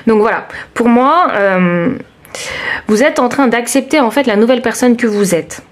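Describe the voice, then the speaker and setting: A woman giving a chatty, expressive tarot reading, talking straight to her listeners and exclaiming over the cards. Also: on the high side, normal speed. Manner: addresses listeners directly. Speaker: tarot card reader. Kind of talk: informal tarot reading to camera.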